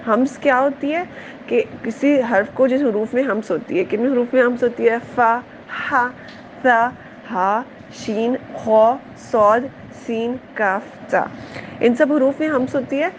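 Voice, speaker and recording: A patient woman teacher walks students through recitation sounds, one at a time, in a lesson. Her voice sits fairly high. The recording is a bit muffled, with a faint hiss underneath. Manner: patient, repeats sounds slowly and checks with "ٹھیک ہے؟". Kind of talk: tajweed lesson, explaining pronunciation.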